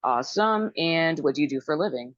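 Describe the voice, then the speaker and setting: A woman hosting a dating show over a call, her voice low and steady. She keeps things brisk and upbeat, calling each guest in turn. The audio is dry and a little dull. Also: no room sound.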